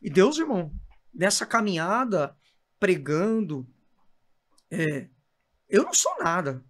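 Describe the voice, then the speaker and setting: A man's voice: high-pitched, wildly swooping pitch, slow pace, slight background noise. A man with a Brazilian Portuguese accent, a missionary preacher telling his faith testimony with fervor and calling the listener brother.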